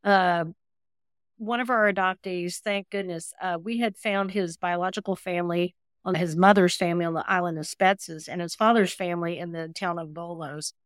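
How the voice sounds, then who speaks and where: A woman in her sixties, an adoptee advocate appearing as an interview guest, tells personal stories in an earnest, talkative, conversational way. Her fairly low voice stays steady at a moderate pace, with a clean tone in a dry, studio-quality recording.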